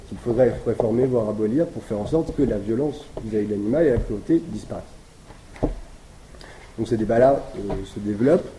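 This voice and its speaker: Man giving an echoey academic talk. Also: medium pitch. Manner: explanatory, thinks aloud with frequent pauses. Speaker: lecturer presenting historical research. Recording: echoey room with background noise.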